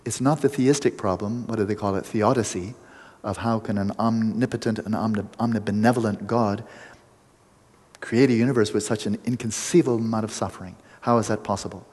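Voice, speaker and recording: A low, husky male voice delivers a dharma talk with a measured, thoughtful pace. He often breaks off and restarts phrases as he works through an idea. The sound carries a long, echoing hall reverb. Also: fairly even intonation, a little mellow. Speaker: Buddhist teacher.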